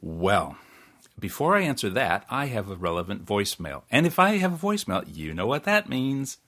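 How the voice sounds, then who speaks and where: A New Zealand man hosts a casual solo podcast monologue in a fairly low, slightly bright voice at normal speed, with big pitch swings. He's chatty, often restarting and correcting himself, with wry asides and laughs.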